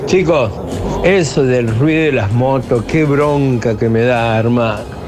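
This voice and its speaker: A man's voice: mid-range voice, a little slow. An Argentine man on a talk show, ranting in a grumbling, slangy way. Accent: Argentine Spanish. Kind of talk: casual comic banter.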